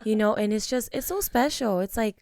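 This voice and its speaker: A woman's voice: a little high, a little fast, gravelly, no echo, clean studio sound. A young adult woman co-hosting a podcast in casual, emotional chat, full of fillers. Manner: emotional, animated, many fillers. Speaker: podcast co-host.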